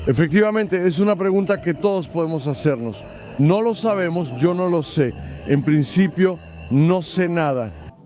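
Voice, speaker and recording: A man with a warm, dark and slightly high voice weighs each answer, hesitating as he looks for the right words. Faint music runs behind him. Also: expressive. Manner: measured, hesitant, searching for words. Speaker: street interviewee. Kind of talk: thoughtful street interview answers.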